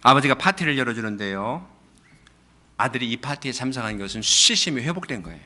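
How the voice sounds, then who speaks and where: Bright-voiced Korean-preaching man, pastor. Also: sing-song, quick pace. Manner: asks the congregation questions and repeats phrases for emphasis; swings between soft low phrases and sudden high loud stresses. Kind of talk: sermon.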